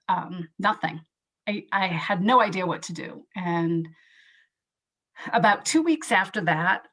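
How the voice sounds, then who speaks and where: Woman w a slightly low voice telling her story in an interview, earnest, thoughtful, lots of little pauses. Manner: earnest, reflective, pauses with soft "um"s. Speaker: interview guest. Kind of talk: candid personal account.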